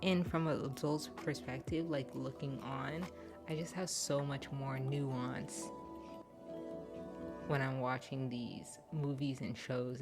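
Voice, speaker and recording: Low-voiced woman hosting a spiritual podcast. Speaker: podcast host, spiritual teacher. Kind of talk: reflective podcast commentary. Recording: music clearly underneath.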